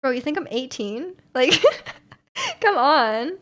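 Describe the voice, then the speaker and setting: Giggly high-voiced young woman streamer. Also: very animated, slow pace, a bit bright. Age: 20s. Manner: giggly, chatty, often laughing. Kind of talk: casual chat reading viewer messages.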